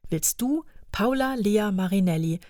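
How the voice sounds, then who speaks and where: A woman's voice: mid-range voice, lively intonation, unhurried, a little mellow, no room sound, studio quality, lightly acted. A woman voicing a playful, affectionate husband who speaks in a teasing, theatrical way.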